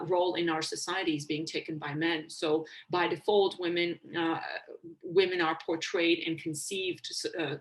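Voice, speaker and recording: A woman speaking as a panelist, measured and halting, with many fillers. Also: deep voice, fairly bright tone, rough recording. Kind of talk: panel discussion remarks.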